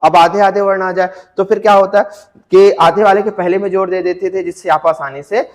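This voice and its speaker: A male teacher giving an exam-prep grammar lecture, asking his students questions and answering them himself, and drawing out example words slowly to show stress. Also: sits high, fairly even intonation, long reverb tail. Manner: addresses students as friends, asks and answers own questions.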